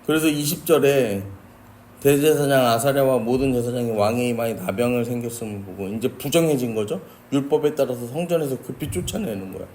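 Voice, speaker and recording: 진지하게 설교하는 남성 목사. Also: male voice, mid-range voice, a little fast, darkish tone, slight background noise. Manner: earnest, addresses the congregation often. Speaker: pastor. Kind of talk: sermon. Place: church sanctuary.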